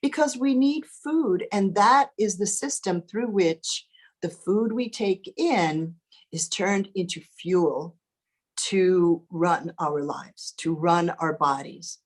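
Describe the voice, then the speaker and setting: A woman with a lowish, slightly husky voice leads a guided spiritual exercise. She speaks very slowly and gently, leaving space between her instructions. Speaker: spiritual workshop teacher leading a guided exercise.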